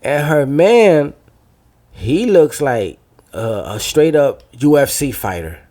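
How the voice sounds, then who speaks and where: He takes his time, his mellow, higher-pitched voice full of expression. The young New Jersey podcast host, whose accent is Dominican American, riffs in relaxed, profane banter that switches into Spanish.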